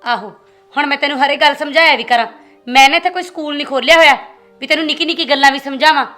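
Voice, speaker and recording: An actress playing a proud, sharp-tongued wife bickering with her husband in a short film. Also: high-pitched, rapid-fire, soft background music. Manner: taunting, bickering.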